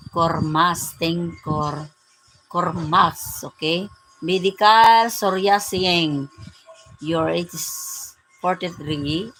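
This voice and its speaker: A woman's voice: low-pitched, a bit bright, rough recording. A Filipino woman in her forties hosting a casual live-stream vlog, greeting her viewers with a repeated "my dear, my friend". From Philippines. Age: 40s.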